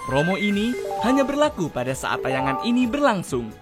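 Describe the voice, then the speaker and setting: A woman reading a scripted infomercial voice-over as a promotional sales pitch. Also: very animated, moderate pace. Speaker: commercial announcer. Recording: music under the voice. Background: loud music.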